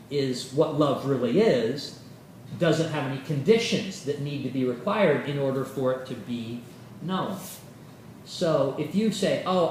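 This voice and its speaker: A male yoga teacher giving an informal, animated lecture to a class, acting out quoted voices and swearing casually. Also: medium pitch, a little hiss or hum. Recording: roomy echo from a far mic.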